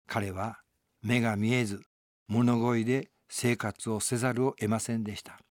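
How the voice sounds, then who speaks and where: A man's voice: mid-range voice, level tone, moderate pace, no room sound. A man, a pastor, delivering an earnest, emphatic radio sermon from a studio.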